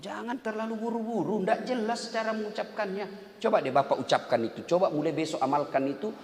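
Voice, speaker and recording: Animated preacher in an echoing hall. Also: male voice, sits high. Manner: animated, swings between loud emphatic lines and soft drawn-out chanting. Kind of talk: sermon. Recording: echoey hall with long reverb.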